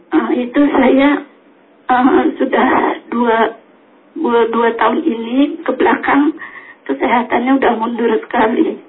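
A woman in her sixties calling in to a radio show, asking a question hesitantly with many pauses. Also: a little high, fairly even intonation. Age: 60s. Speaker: caller. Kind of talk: phone-in question. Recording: tinny phone line.

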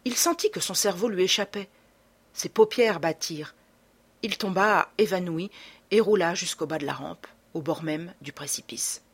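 A woman reading a classic French adventure novel aloud in a measured, dramatic narration. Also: fairly low pitch, slightly rough. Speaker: audiobook narrator. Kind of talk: scripted narration.

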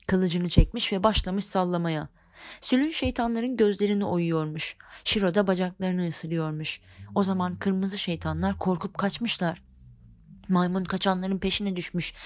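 Expressive woman reading a fairy tale. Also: fairly low pitch, dry recording, studio quality. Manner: expressive, changes voice for characters. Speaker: narrator. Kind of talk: storybook reading.

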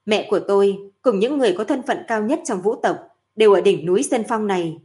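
A woman voicing a young winged fairy woman who speaks in a bright, cheerful way. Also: mid-range voice, fast talker, close to an everyday voice.

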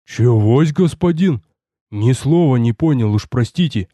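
Man doing a gruff low-voiced hunter. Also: lively intonation, a little slow, dark tone, dry recording. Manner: gruff, folksy speech. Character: gruff lowborn male hunter, blunt and loyal.

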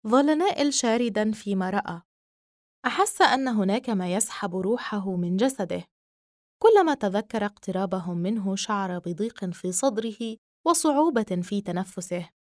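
A woman reading a novel aloud as an audiobook narrator, in measured literary narration. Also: mid-range voice, animated, darkish tone, no room sound, studio quality. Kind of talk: scripted narration.

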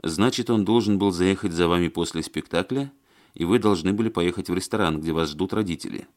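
A patient man asks his questions calmly and in measured tones, as a man voices him in an audiobook. His voice sits low and even, gently probing for answers. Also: close to an everyday voice. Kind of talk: audiobook character voice.

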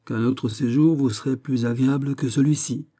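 A man's voice: medium pitch, steady tone, moderate pace, mellow, voice pushed up, natural voice. A man reading aloud, voicing a stern middle-aged king with a commanding, raised voice.

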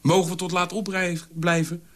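A man's voice: high voice, little pitch movement, normal speed, pitched above the performer's own voice, natural voice. A man reading a radio story, voicing a small naive boy who chatters innocently. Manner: babbling, innocent.

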